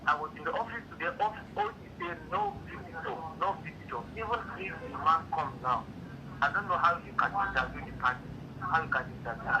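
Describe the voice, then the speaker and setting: A man on a speakerphone call comes through a clipped phone line with background noise, his voice fairly high, sing-song and fast. He's an official handling an impounded car, explaining a delay while repeating himself and asking rhetorical questions.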